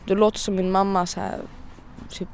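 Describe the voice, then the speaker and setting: A teenage girl, a friend of the victim, retelling a night's events in a colloquial, animated way, often quoting herself and others. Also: mid-range voice, a little hiss or hum. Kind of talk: casual recounting.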